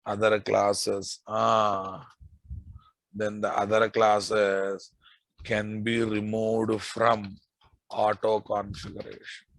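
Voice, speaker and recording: Low, slow-paced Telugu-accented male instructor. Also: little pitch movement, a bit bright, no echo, low-quality recording. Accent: Telugu Indian. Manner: repeats key phrases for emphasis; often checks in with listeners. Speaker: programming instructor. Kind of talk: live technical lecture to students.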